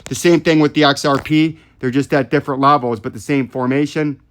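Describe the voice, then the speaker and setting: Brisk and steady, with a fairly high pitch, a market analysis host explains charts step by step during live technical commentary, regularly checking in with listeners by asking "right?".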